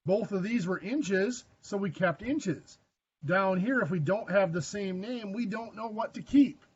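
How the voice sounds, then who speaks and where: Higher-voiced man teaching math in class. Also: a bit bright, slightly rough, highs cut off. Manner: dry joking asides, self-deprecating; asks the class questions. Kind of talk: classroom lecture.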